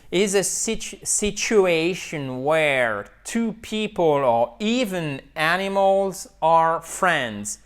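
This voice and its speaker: A man teaching English in a video lesson, drilling pronunciation by repeating words and checking in with "ok?". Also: on the high side. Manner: switches between French and English.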